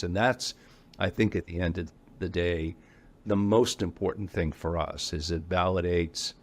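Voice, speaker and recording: A middle-aged man speaking as an interview guest in a casual, rambling way, often correcting himself and chuckling between points. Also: sits low. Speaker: guest, association executive.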